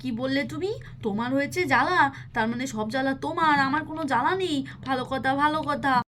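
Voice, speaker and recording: A woman's voice: high-pitched, fairly quick, fairly bright tone, a little hiss or hum, voice pushed up. A woman voicing a harried young mother in a doll story, complaining in an exasperated way. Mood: aggrieved.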